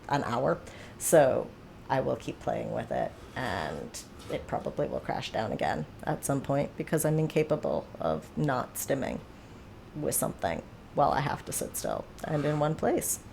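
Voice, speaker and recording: A woman with a deep, creaky, slightly mellow voice hosts a livestream while seated at home, with a faint hiss or hum in the background. She chats casually with viewers, rambling through fillers and asides in a self-aware way.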